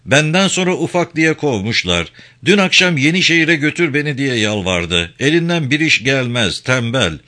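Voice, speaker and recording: A man voicing a gruff, scornful village man in a Turkish audiobook, loud and scolding. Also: medium pitch, very animated, normal speed.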